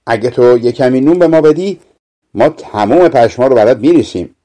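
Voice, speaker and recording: A man reading aloud, voicing a fat, kindly talking mouse who speaks gently. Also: medium pitch, lively intonation, close to an everyday voice. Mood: helpful.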